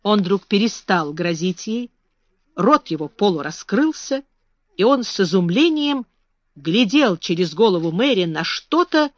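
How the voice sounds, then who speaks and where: A woman narrating a children's storybook in an expressive reading voice. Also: mid-range voice, measured pace, no room sound, muffled recording. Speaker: audiobook reader.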